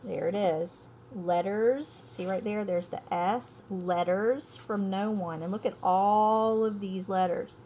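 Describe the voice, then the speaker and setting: An elementary school teacher with a warm, mid-range voice reads a storybook aloud and explains it, speaking emphatically and thinking aloud for young listeners. Her tone is steady, and she takes it slowly with hardly any pauses. Slight background noise is present.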